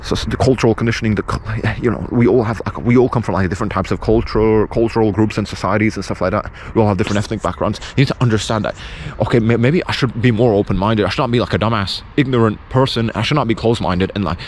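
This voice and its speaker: This is a British man from England, a video presenter whose fairly low voice moves fast with few pauses. His unscripted opinion monologue is insistent, blunt and repetitive, and a little hiss or hum sits under the audio.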